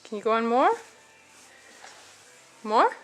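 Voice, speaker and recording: A woman's voice: fairly high pitch, very animated, takes it slowly, a bit bright. A woman filming a toddler at home, cheering him on in encouraging sing-song baby talk. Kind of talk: home video, talking to a small child.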